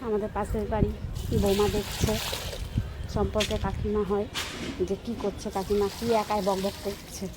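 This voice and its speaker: A woman vlogging her evening routine at home in a soft, subdued voice, her throat troubled and the sound muffled. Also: medium pitch, completely flat delivery, moderate pace, noisy background. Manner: soft, subdued talk, speaking with lips half closed. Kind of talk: casual daily-routine narration. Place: home and open rooftop.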